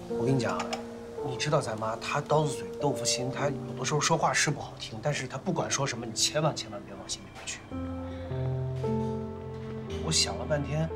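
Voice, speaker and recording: A man's voice: medium pitch, natural voice. An actor playing a contrite young husband who stammers out apologies and pleads with his crying wife. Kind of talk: TV drama acting. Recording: drama scene under loud music.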